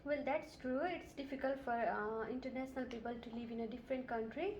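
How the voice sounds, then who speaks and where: A woman's voice: on the high side, a little fast, a little mellow, lo-fi sound, slight background noise. A woman from Nepal, playing a nurse and asking polite, methodical questions in a scripted health assessment role-play. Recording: roomy echo.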